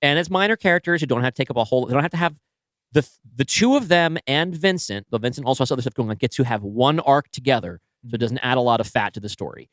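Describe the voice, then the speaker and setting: A male podcast co-host brainstorms about a story in a casual, informal chat, speaking fast and animatedly at a medium pitch with a slightly bright tone. He says "like" a lot and keeps checking in with a tag "right?". The recording is dry, with clean studio sound.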